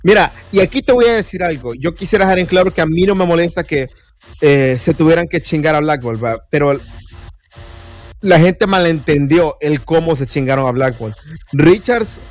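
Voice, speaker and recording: A man's voice: on the high side, expressive, normal speed. A man co-hosting a podcast, casually discussing a film and laying out his arguments at length. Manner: explanatory, argues his points at length. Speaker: podcast co-host.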